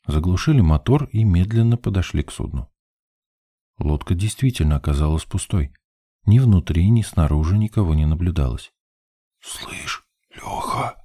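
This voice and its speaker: A man's voice: low-pitched, warm tone, no echo, studio quality. A man narrating an audiobook in a wry, ironic first-person style.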